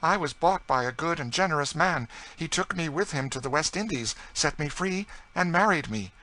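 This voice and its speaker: A woman's voice: sits low, lively intonation, normal speed, bright, forceful tone, pitched above the performer's own voice, low-quality recording. A man voicing a proud, emotional French lady in a storybook, with an earnest, eager, precise way of speaking.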